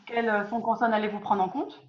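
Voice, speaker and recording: A woman's voice: medium pitch, fairly even intonation, a little fast, slight background noise. A woman teaching an online group lesson over a video call, patiently quizzing her students and often repeating or restarting her phrases. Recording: roomy, dull lo-fi call audio.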